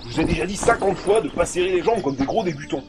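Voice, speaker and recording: A man acting as an excitable, bossy adventurer in a fantasy audio saga, speaking in emphatic slang. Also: sits high, fast talker. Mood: bossy, impatient. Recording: music under the voice.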